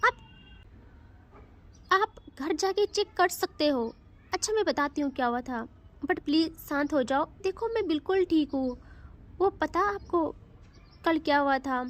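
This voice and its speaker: A woman voicing a devoted young woman who soothes her partner in a gentle, coaxing way. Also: high-pitched, lively intonation, measured pace, long pauses. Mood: soothing.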